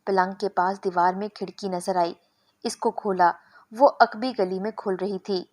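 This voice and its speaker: A woman narrating a scripted first-person story in a measured, steady way. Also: mid-range voice.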